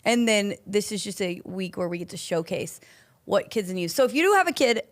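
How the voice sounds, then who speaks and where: A woman's voice: mid-range voice, very animated, a little fast. A woman in her thirties, a pastor co-hosting a casual podcast, teasing her co-host and laughing often. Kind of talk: casual chat.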